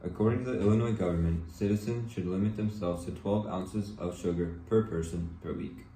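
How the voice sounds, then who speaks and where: A man's voice: low voice, brisk, warm tone, lightly acted. A man playing an earnest 1940s news anchor, formally reading a scripted newscast. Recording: roomy echo with faint noise.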